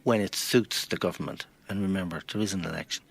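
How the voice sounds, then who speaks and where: A man's voice: low voice, fast, gravelly, husky. An Irish man, a financial planner guest, arguing his points emphatically with rhetorical questions in a studio interview.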